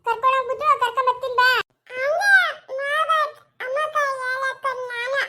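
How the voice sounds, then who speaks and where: A woman's voice: very high-pitched, level tone, very fast, bright, forceful tone, full character voice. A young woman playing a tearful village girl who pleads and calls out again and again, in an amateur family drama. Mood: pleading. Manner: pleading, calling out repeatedly.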